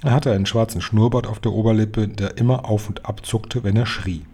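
A man reading a children's storybook aloud in a quiet narrating tone. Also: fairly low pitch, fairly even intonation, a little fast, breathy edge. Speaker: reader.

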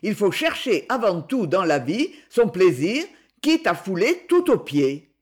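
A woman's voice: mid-range voice, big pitch swings, unhurried, darkish tone, husky. A woman reading aloud voices a sardonic, scheming young man in an audiobook, mocking in tone.

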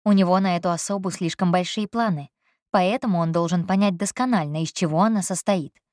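A woman narrating an audiobook in a steady, measured reading voice. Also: lowish voice, dry recording, studio quality. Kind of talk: scripted narration.

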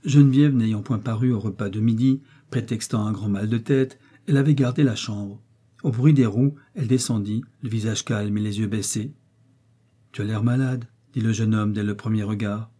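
A man reading a classic novel aloud as an audiobook narrator, in a measured, even storytelling manner. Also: on the low side, breathy edge. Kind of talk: scripted literary narration.

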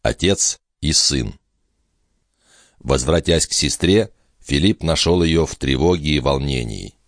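A man narrating a novel as an audiobook in a measured, even storytelling manner. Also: very deep voice, dry recording, studio quality. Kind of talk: scripted narration.

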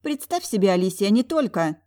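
A woman voicing a quick-tempered young woman in an audiobook, all huffy, loud protests. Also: mid-range voice, big pitch swings, voice pushed up, close to an everyday voice. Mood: exasperated. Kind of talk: audiobook character voice.

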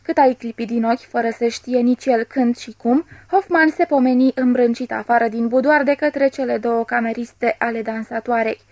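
A woman's voice: fairly high pitch, fairly even intonation, hardly any pauses, a little mellow, dry recording. Woman reading an audiobook, dry close sound. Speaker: audiobook reader. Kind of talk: literary audiobook narration.

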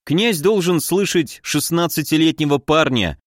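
A man's voice: on the high side, lively intonation, unhurried, dry recording, studio quality. Man narrating an audiobook plainly. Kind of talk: scripted first-person narration.

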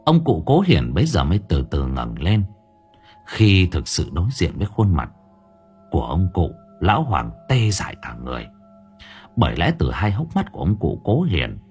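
A man narrating a horror story in a dramatic, expressive way. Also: low voice, slightly rough. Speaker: audiobook narrator. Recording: faint background music.

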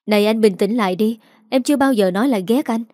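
A woman's voice: a little high, fast, dark tone, no echo, studio quality, close to an everyday voice. A woman voicing a remorseful young husband who speaks hesitantly and urgently. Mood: urging.

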